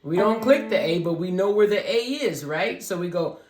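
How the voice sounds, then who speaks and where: Someone learning piano gives beginners a casual, step-by-step lesson, talking slowly through each step and singing the scale notes on "ho." The voice is low, deep, and raspy with lively intonation. The recording has a roomy echo, with piano playing.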